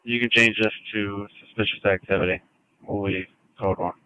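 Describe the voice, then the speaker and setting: A police officer speaks over a scanner radio in short, procedural phrases. His voice sits a little low but carries a bright, clear edge. The radio transmission sounds muffled and lo-fi, and the sound is dry and close. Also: fairly even intonation, moderate pace, dry recording. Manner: terse, procedural. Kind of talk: brief radio dispatch talk.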